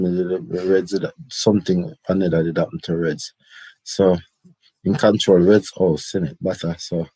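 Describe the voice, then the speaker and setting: A man's voice: deep voice, a little mellow, breathy edge, dry recording, poor audio. A middle-aged Jamaican man telling his life story in casual, rambling patois. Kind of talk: casual autobiographical chat.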